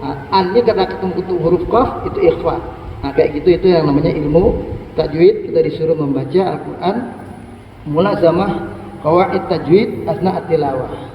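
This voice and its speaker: A middle-aged religious teacher with a fairly high voice, explaining recitation rules patiently and chanting example verses slowly. He sounds far from the microphone in a large, long-echoing hall, and the recording is muffled and lo-fi. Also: slight background noise. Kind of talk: morning study lecture on Quran recitation. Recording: echoey hall, distant lo-fi mic.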